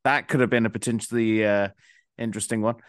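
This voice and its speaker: A man's voice: fairly low pitch, fairly even intonation, quick pace, smooth, no room sound. Rambling man, dry close sound. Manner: rambling with many fillers, laughs often. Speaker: podcast co-host. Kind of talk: casual chat.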